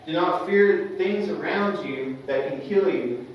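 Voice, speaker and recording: Recorded with a distant mic in an echoey church classroom, a young man teaches Sunday school at an unhurried pace. His fairly high voice comes through lo-fi, with slight hiss or hum. He speaks conversationally and keeps checking for the class's agreement.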